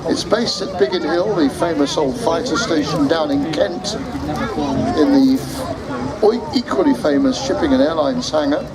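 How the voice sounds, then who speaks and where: A man's voice: fairly high pitch, measured pace. A man giving airshow commentary, announcing to spectators. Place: outdoor seafront airshow, heard over loudspeakers. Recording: outdoor public address, loud crowd noise. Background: loud crowd and aircraft.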